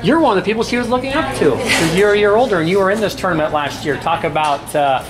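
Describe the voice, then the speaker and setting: A man hosting a sports press conference, introducing teams and asking players questions in a friendly, scripted way with filler pauses. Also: sits high, animated, crowd noise. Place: tournament press conference room.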